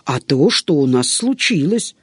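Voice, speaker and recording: A man voicing a long-winded old female servant who tells everything slowly and in order. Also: on the high side, big pitch swings, slightly rough, no echo, studio quality, exaggerated voice. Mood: garrulous. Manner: rambling, drawn-out storytelling.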